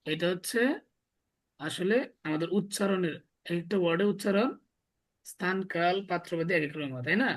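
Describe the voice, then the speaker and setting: A man's voice: sits high, fairly quick, pauses often. A man teaching a small class, explaining step by step and asking his students the same question again and again. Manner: quizzing students with repeated questions. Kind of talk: classroom lesson.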